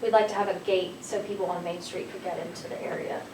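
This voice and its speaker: A woman's voice: fairly low pitch, level tone, fast. Woman presenting to council, echoey. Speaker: grant applicant. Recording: echoey chamber, distant mic, noise.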